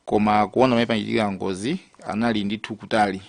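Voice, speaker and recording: A Malawian man putting formal questions at a hearing as a committee member, hesitant and deliberate in his delivery. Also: on the low side, level tone, gravelly, no echo.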